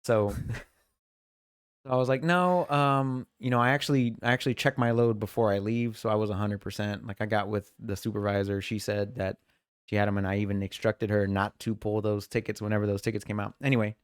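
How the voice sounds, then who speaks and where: Fast-talking man telling work stories. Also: lowish voice, level tone, clean tone, no room sound, clean studio sound. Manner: rambling storyteller, mimics coworkers in quotes. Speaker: podcast co-host. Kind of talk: casual chat.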